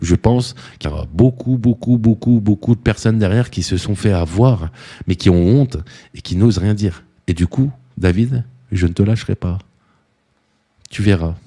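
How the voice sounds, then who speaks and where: A man's voice: lowish voice, normal speed, mellow, husky. A man hosting an exposé, reading the chat aloud and accusing someone. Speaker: host of an exposé video. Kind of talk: commentary.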